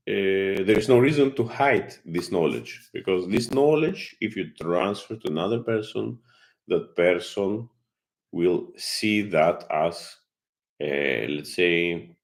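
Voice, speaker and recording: A slow man with a deep voice hosts a live stream from his home in Greece. He is from Kazakhstan, runs the channel, and works as a marine consultant. His speech is halting, full of fillers and restarts.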